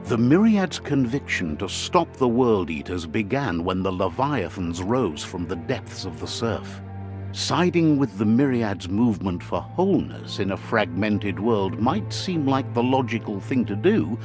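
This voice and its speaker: This middle-aged storyteller speaks low and deep, his pitch swinging up and down as he delivers a scripted narration. He comes across as wise and measured yet very animated, with gentle music in the background.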